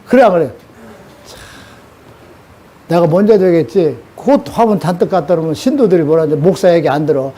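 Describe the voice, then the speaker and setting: A man's voice: a little high, brisk, pauses often, dark tone, breathy edge. An older man preaching a sermon in a scolding way, throwing rhetorical questions at his audience.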